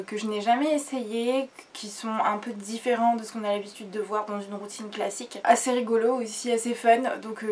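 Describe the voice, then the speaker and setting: A woman's voice: fairly high pitch, darkish tone. A young woman chatting casually while reviewing skincare products, rambling with many fillers and restarts, sitting on her bed. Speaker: beauty vlogger. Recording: distant camera mic with faint room noise.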